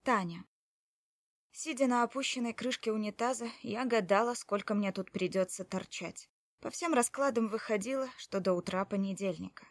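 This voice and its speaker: A woman's voice: on the high side, a little fast, no room sound, studio quality. Woman narrating an audiobook in first person. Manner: expressive, emotional reading.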